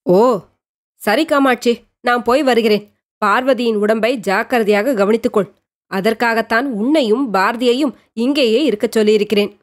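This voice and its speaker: A woman doing a quietly protective grown man. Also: a little high, moderate pace, lightly acted. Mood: gentle.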